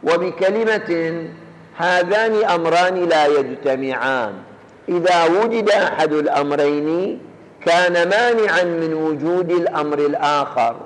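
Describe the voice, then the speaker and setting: A man delivering a Quranic exegesis lecture, measured and explanatory, restating his points. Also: on the high side, a little hiss or hum. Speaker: religious lecturer. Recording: echoey hall with faint ambience.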